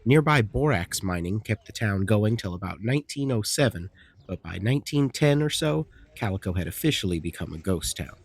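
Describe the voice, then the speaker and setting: A young man narrating his road trip as a travel vlogger, chatty and relaxed, easily impressed by what he finds. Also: on the low side, a little fast, gravelly, slightly rough. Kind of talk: casual travel vlog narration. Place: desert campsite and caves outdoors.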